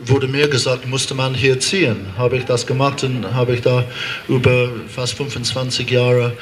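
A man from England with an English accent, an opera director giving a speech at a demonstration, pausing on fillers as he hunts for words. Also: medium pitch, flat delivery. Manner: hesitant, searching for words with fillers. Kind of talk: rally speech. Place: outdoor demonstration in a town square. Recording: echoey outdoor rally with noise.

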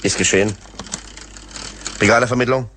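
A man playing a brisk, bossy soldier running a field switchboard in a war radio play, curt and commanding. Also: medium pitch, steady tone, slight background noise, lightly acted. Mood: urgent, curt.

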